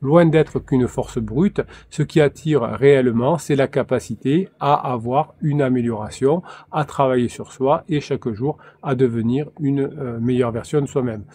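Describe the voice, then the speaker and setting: A man's voice: mid-range voice, normal speed, mellow, breathy edge. A man giving a solo coaching talk on relationships, speaking hesitantly with frequent fillers and restarts.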